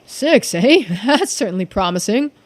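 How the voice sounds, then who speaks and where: Over background music, a woman reads game dialogue as an eager, genteel investigator whose speech is florid and full of exclamations. Her mid-range voice is expressive and a little slow, and she sounds eager and delighted.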